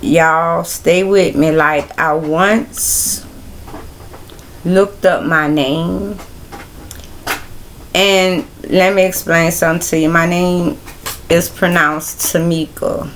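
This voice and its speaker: A woman hosting a casual Bible study livestream, talking in a relaxed, rambling way straight to her viewers. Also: fairly low pitch, slow, long pauses, slight background noise. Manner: relaxed, rambling, speaks directly to viewers as y'all.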